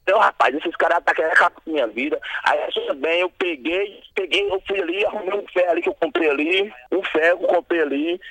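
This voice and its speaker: A man's voice: a little high, fast, hardly any pauses, pushed and bright, dry recording, rough recording. A man from Brazil, calling in by phone to a radio show, talking in an agitated, rambling, repetitive way. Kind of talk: phone-in talk. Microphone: phone line.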